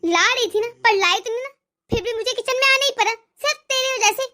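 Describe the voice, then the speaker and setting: A woman voicing a cruel, domineering mother-in-law who taunts and threatens loudly. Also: very high voice, brisk. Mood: scolding. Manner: loud, sneering taunts. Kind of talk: cartoon voice acting.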